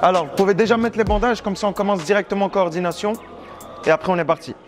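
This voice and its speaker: Un homme, coach de boxe, qui donne des consignes fortes et encourageantes pendant un entraînement en salle. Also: male voice, sits high, fast talker, faint music behind. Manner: loud, encouraging gym instructions. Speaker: boxing coach. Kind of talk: coaching a training session. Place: boxing gym.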